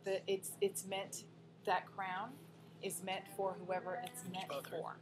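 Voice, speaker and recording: Lively young woman guest, expressive. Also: mid-range voice, slow, background noise. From United States. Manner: lively, expressive, laughs often. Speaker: guest, pageant coach. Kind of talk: casual interview chat. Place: restaurant dining room, indoors.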